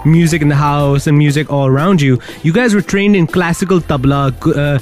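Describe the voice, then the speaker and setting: A man hosts a radio request show with a fairly high voice. He talks with emphatic, repetitive enthusiasm, hyping up his guest, with music playing underneath. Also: brisk, darkish tone. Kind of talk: upbeat radio presenting and phone interview. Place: radio studio.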